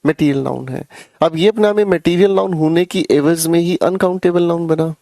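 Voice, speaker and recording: A man's voice: on the high side, fairly quick, creaky, warm tone, dry recording, clean studio sound. Chatty, teasing man teaching grammar. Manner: chatty, teasing, addresses students as beta and bhai. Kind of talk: live online class.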